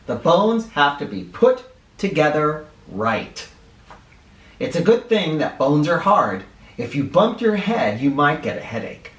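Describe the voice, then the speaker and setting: A man reads a children's picture book aloud in an animated way, adding asides, with a slow, lively sing-song delivery and a slightly high voice. He's expressive and instructive, speaking directly to young listeners. He sounds a bit away from the mic, with roomy echo.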